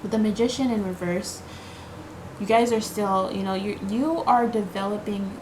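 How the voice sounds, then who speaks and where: A native English-speaking woman gives her viewers a casual tarot card reading, chatting reassuringly with plenty of fillers and repeated "okay?" checks. Her voice is medium in pitch at a moderate pace, with background noise present.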